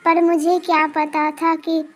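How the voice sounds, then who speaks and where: A woman's voice: extremely high pitch, level tone, slow pace. A woman voicing a remorseful middle-aged father in a cartoon story, apologetic and regretful.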